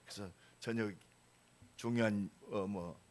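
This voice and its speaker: A pastor in his sixties preaching a sermon, emphatic with sudden loud rises and casual storytelling asides. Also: fairly low pitch, fairly even intonation, slow pace. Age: 60s.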